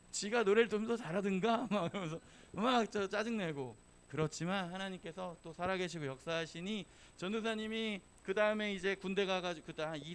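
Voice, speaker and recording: Chatty humorous man preaching to teens. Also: high-pitched. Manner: chatty and humorous, slipping into acted quotes. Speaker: youth pastor. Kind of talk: casual storytelling sermon to teenagers. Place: church youth service.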